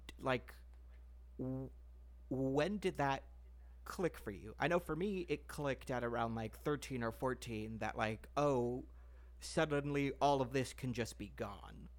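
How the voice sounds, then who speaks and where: A man's voice: mid-range voice, measured pace. A man hosting a podcast in casual chat. He rambles with many fillers and restarts while asking his guest questions. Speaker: podcast host.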